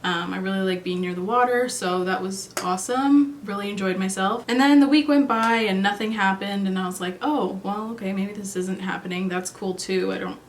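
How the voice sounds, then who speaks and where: A woman's voice: mid-range voice, steady tone, fairly quick, hardly any pauses, echoey room, a little hiss or hum. A woman in her twenties, chatting and rambling casually as she does her makeup for a vlog. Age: 20s. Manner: chatty, rambling, self-correcting. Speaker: beauty vlogger. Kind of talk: casual chat while doing makeup. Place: cold room at home.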